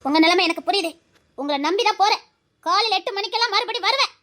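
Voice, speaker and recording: A woman's voice: extremely high pitch, lively intonation, a bit bright. A woman voicing a determined middle-aged mother-in-law in a cartoon. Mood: firm. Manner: firm, quick.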